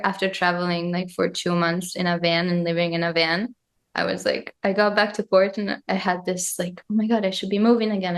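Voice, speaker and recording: A young woman from Argentina, a guest musician on a podcast, talking casually and reflectively and thinking aloud with lots of fillers. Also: lowish voice.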